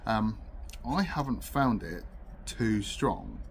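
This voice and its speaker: A man's voice: on the low side, wildly swooping pitch, slow, creaky. A British man gives a casual review to camera, talking between puffs with a pipe in his mouth, recorded on a camera's own microphone. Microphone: built-in camera microphone. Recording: noisy camera audio without separate microphone.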